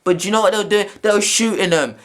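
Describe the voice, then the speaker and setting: Young guy ranting at his webcam, kinda high voice, keeps repeating himself. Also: fairly bright tone. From England. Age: young adult. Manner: heated, repetitive, rapid-fire rant. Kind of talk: ranting video blog.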